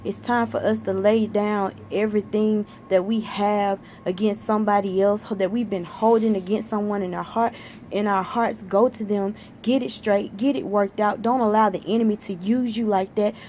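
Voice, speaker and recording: A woman's voice: mid-range voice, fairly even intonation, moderate pace, dark tone, a little hiss or hum. A woman giving an earnest, repetitive devotional exhortation while sitting out on her sun porch, near tears. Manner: earnest, preachy, repeats for emphasis. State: close to tears. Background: thunder outside.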